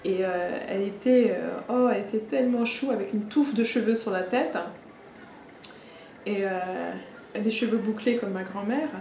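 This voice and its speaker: A young adult woman retelling a personal story in a vlog, halting, with many fillers and restarts. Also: medium pitch, dark tone. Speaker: vlogger. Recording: echoey room with faint ambient noise.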